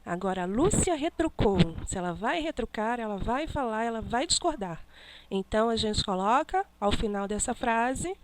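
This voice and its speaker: A woman teacher slowly correcting a classroom exercise, stressing each punctuation mark she names. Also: a little high, lively intonation, a little hiss or hum.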